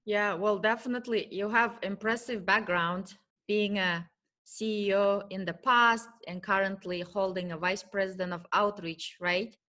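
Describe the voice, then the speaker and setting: A woman's voice: mid-range voice, fairly even intonation, normal speed, pushed and bright. A woman hosting a business talk show, interviewing a guest in a friendly, affirming way.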